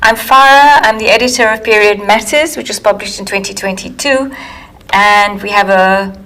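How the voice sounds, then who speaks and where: A woman from Kenya, an author and editor speaking in a measured, careful way during a recorded interview with retakes. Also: medium pitch, sharp tone. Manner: measured, careful, restarts lines.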